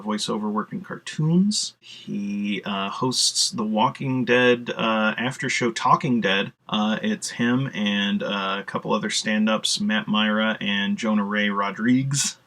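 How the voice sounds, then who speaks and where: A video blogger talks casually in a solo vlog, his fairly low voice bright and forceful. He rambles along with plenty of "uh" fillers and some casual swearing.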